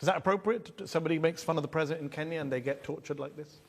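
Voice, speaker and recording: Quick, pressing male TV interviewer. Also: a little high, vocal fry. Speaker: TV interviewer and host. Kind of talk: confrontational TV interview.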